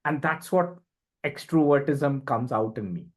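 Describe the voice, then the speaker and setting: A middle-aged man with an Indian accent, a communication and leadership expert appearing as a podcast guest, explains things conversationally and emphatically, often adding short tag questions. His voice is medium in pitch and a little slow.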